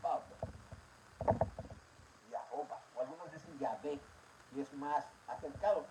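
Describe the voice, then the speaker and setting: A slow-speaking Bible teacher lays out a religious lesson with emphatic repetition and rhetorical questions. A steady hiss of background noise runs clearly under the voice throughout. The delivery stays unhurried and insistent. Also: mid-range voice. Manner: emphatic, repeats words and asks rhetorical questions.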